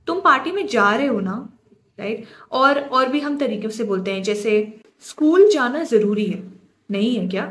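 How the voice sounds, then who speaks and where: A woman teaching a grammar lesson in Hindi, reading example sentences slowly and explaining them. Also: high-pitched. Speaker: English teacher.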